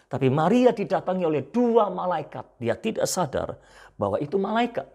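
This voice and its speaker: A man preaching a sermon, addressing his listeners directly and swinging between loud repeated phrases and hushed asides. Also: high voice, big pitch swings, moderate pace. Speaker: pastor.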